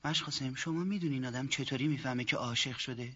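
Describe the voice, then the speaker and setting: A man's voice: mid-range voice, husky. An actor playing a shy young man who asks hesitant, earnest questions about love, in 1970s TV drama acting. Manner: hesitant, soft-spoken, earnest. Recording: muffled lo-fi TV audio.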